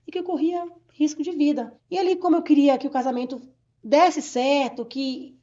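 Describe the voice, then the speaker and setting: A woman from Bahia, Brazil, giving an earnest personal testimony in an interview, talking quickly with many restarts. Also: high voice, steady tone, warm tone. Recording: dull lo-fi sound.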